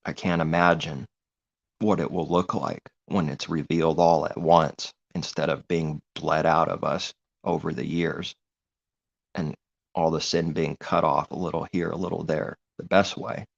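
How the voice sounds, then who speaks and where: A man with a very deep, gravelly voice preaches informally in an earnest, rambling way. The recording is dull and muffled, with a low-fi edge. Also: fairly even intonation, measured pace. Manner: earnest, rambling, grows heated. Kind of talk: informal religious monologue.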